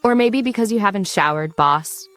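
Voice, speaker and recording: A tiny genius hacker girl, bratty and unimpressed, as a woman acts her out. She speaks flatly and deadpan. The recording is dry and close. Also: medium pitch, normal speed, no echo, close to an everyday voice. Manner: flat, deadpan.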